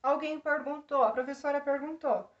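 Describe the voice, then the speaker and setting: Woman teacher, patient step-by-step explainer; fairly high voice, roomy muffled recording. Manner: explains slowly, checks in with "né?" and "tá?". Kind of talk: grammar lesson. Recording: echoey room, dull lo-fi sound.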